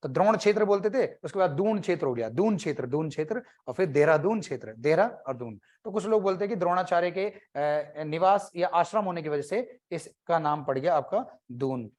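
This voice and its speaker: A male coaching teacher gives an exam-prep lecture. He keeps it loose and conversational, firing quick questions at the class and slipping in jokes between the facts. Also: fairly high pitch, expressive, darkish tone. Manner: conversational, quizzes students and jokes.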